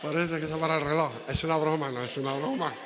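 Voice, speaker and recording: A man preaches a conversational evangelical sermon as a guest in a church, the recording echoey with hall reverb and very noisy. His voice is a little high and steady in tone, moving at a quick pace, and he leans on repeated phrases and rhetorical questions.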